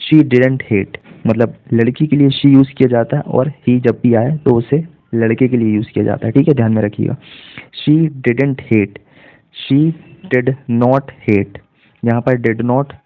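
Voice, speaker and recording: A man's voice: medium pitch, steady tone. A man teaching English reading in Hindi, spelling each word letter by letter and then explaining its meaning. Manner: spells words letter by letter, then translates slowly. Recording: tinny phone-like audio.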